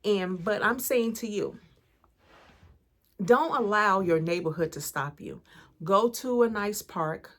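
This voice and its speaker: A woman's voice: medium pitch, slow, long pauses, a bit bright. Earnest American woman coach talking faith. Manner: earnest, conversational, preacher-like encouragement. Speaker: empowerment coach and channel host. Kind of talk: inspirational faith talk to camera.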